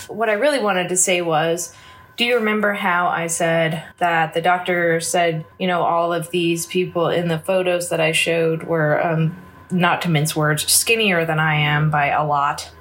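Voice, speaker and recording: A woman records a candid, chatty video diary, slightly stuffy from a cold coming on. Her voice sits a bit low, and faint background noise hums behind her. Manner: candid and chatty, many fillers. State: a little congested. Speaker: vlogger.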